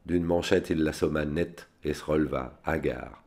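A man reads a spy novel aloud in a steady, unadorned way. His voice is extremely deep and low throughout. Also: normal speed. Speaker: reader.

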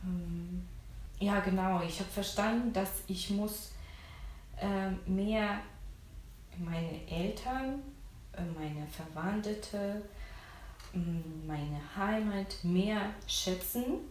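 A woman's voice: mid-range voice, extremely slow, darkish tone, slight background noise. A woman from Ukraine, telling her story as an interviewee and searching hesitantly for words. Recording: echoey room from far off.

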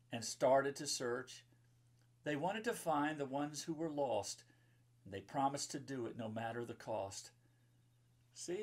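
In a book-lined room, a pastor in his fifties reads and talks to children in simple, explanatory phrases, like a Bible story time. His voice is a little high with a darkish tone.

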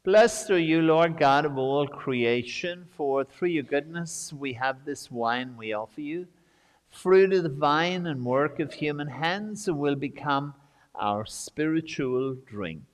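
A priest leading the prayers of Mass, intoning slowly and steadily as a cathedral echo trails after his words. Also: on the high side, lively intonation. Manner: slow, measured intoning. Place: large church. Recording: long church reverb.

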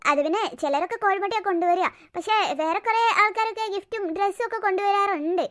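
A woman's voice: very high-pitched, quick pace, fairly bright tone. A woman voicing a smug, bossy older sister who teases her younger sister. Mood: teasing. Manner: teasing, bossy. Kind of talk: cartoon voice acting.

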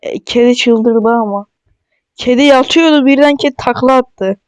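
A man giving casual, excitable gameplay commentary, joking and talking straight to his viewers. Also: very high voice, moderate pace, smooth, no echo. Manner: chatty and excitable, jokes and talks straight to viewers. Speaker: mobile gaming streamer.

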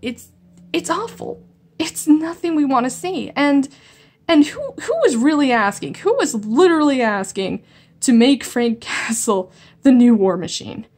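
A woman's voice: high voice, sing-song, a little slow, darkish tone. A woman ranting in a vlog, exasperated and sarcastic, often stumbling and restarting her sentences. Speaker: comic-book video blogger.

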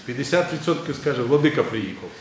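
A man's voice: mid-range voice, animated, fast talker. A man, an Orthodox metropolitan, preaching a sermon in a large church and quizzing the congregation in a conversational way. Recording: very echoey church with faint ambient noise.

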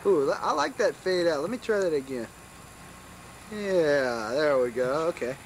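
A man's voice: on the high side, lively intonation, normal speed, slight background noise, poor audio. A man filming a home video, chatty and upbeat as he narrates the shot, heard through the sound of an old VHS camcorder tape. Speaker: camera operator. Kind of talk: casual home video commentary.

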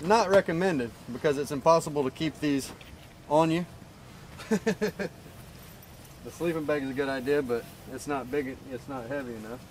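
A young camping vlogger gives a rambling, easygoing tour of his riverside campsite, chuckling often. He talks briskly in a fairly high voice. A handheld camera mic records him outdoors, with faint outdoor noise in the background.

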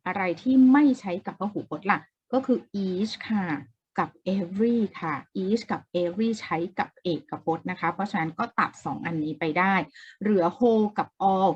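A woman's voice: medium pitch, unhurried, darkish tone, muffled recording. A woman teaching an English exam-prep lesson in a casual way, explaining step by step, repeating key words and asking the viewer questions.

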